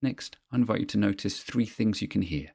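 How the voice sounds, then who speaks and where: A man reading a scripted guided grounding exercise in a measured, instructional manner, pausing between phrases. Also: lowish voice, animated, gravelly, a little mellow, breathy edge.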